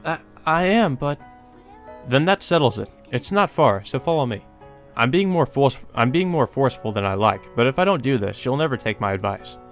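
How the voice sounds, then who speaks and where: Medium-pitched, animated, and brisk, a man narrates a visual novel playthrough by reading it aloud. Game music plays behind him, and he sometimes fumbles a line and goes back over it.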